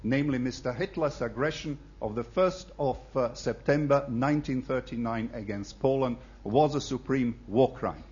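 A man from the audience making a forceful, argumentative point at a public debate. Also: medium pitch, normal speed, hardly any pauses, highs cut off. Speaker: audience member asking a question. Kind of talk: public debate floor question.

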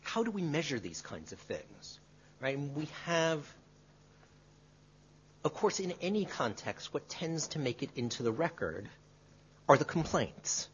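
A male history professor answering an audience question in a measured, qualifying way, often adding tag questions. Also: on the high side, sing-song, slight background noise. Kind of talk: academic lecture Q&A. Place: lecture room. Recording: dull lo-fi lecture recording.

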